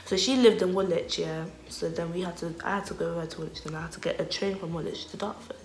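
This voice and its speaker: A woman's voice: on the low side, quick pace. Chatty young woman in an echoey room. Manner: chatty, animated, heavy use of 'like'. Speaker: vlogger. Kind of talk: storytime vlog.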